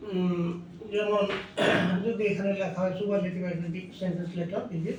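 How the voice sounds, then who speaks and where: A Bengali-speaking man with a Bangladeshi accent teaches English grammar slowly while writing on a board, drawing out and repeating each phrase, spelling each word as he writes, and mixing Bengali with English. His voice is high with little pitch movement. It is recorded from a distance in a very echoey room with faint background noise.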